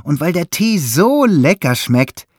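A man reading a children's story aloud in a lively, expressive way. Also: fairly high pitch, slow, no echo, studio quality. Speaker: narrator.

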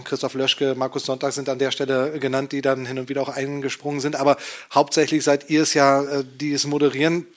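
Guy host with a slightly high voice, casually moderating a chat. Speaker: interview host.

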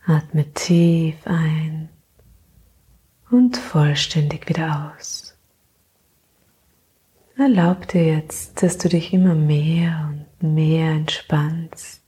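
A woman slowly narrating a soothing sleep meditation in a hushed, half-whispered voice, calm, with gentle pauses between phrases. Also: sits low, slightly rough. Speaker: guided meditation narrator and podcast host.

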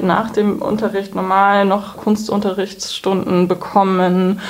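A woman in her thirties, a guest in a relaxed interview, telling her story openly and candidly with frequent restarts. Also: mid-range voice. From Germany. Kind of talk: conversational interview.

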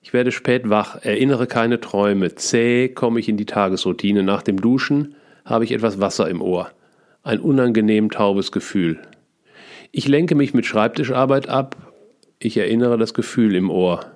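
A man reading his own memoir aloud in short, clipped first-person sentences, calm and steady. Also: fairly low pitch, moderate pace. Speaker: author reading his book.

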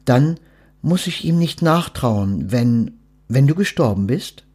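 A man voicing Death as a calm, gentle companion in a storybook reading, speaking in a dry, unhurried way. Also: medium pitch, slightly rough.

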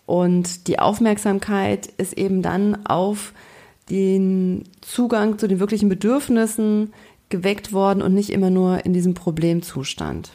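A woman's voice: medium pitch, fairly even intonation, a little slow, mellow. A woman coach talking informally to her podcast listeners, a bit hesitant as she thinks aloud.

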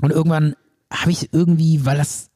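Male podcast co-host, rambling storyteller, slightly high, dark husky tone, dry close mic. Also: level tone, moderate pace, no room sound. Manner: rambling, hesitant storytelling with many fillers. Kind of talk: casual chat, telling a dream.

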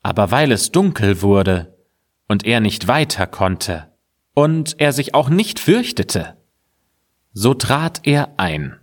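A man reading an old fairy tale aloud as narrator in a slow, measured storytelling manner. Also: lowish voice, big pitch swings.

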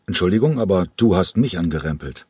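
A man reading an audiobook and voicing a calm, gentle male ballet director who speaks mildly and politely. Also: deep voice, a little fast, husky, no room sound, clean studio sound. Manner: mild, polite. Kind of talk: audiobook character voice.

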